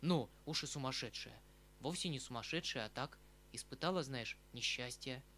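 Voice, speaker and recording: A man's voice: medium pitch, moderate pace, bright, forceful tone, slight background noise, pitched below the performer's own voice. A man reading a fretful old uncle. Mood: resigned. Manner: emotional, rambling, pleading. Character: tender, fretful aging uncle, a retired colonel. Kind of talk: audiobook reading of a classic novel. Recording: faint background music.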